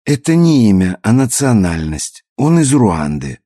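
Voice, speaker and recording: A man reading an audiobook, voicing a brisk, caring young woman who teases and reassures. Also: low-pitched, expressive, darkish tone, slightly rough, dry recording, studio quality. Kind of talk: audiobook character voice.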